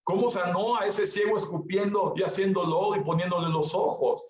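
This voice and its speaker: Male pastor, high voice, emphatic repeater, roomy lo-fi church recording. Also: steady tone, a little fast. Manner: emphatic repetition, addresses listeners directly. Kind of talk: sermon. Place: church hall. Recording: echoey, dull lo-fi church recording.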